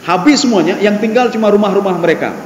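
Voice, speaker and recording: High-voiced preacher in an echoing mosque. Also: male voice, fast talker, darkish tone, muffled recording, slight background noise. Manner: asks rhetorical questions to the congregation. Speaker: religious teacher. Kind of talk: mosque lecture. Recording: echoey mosque hall, faint background ambience.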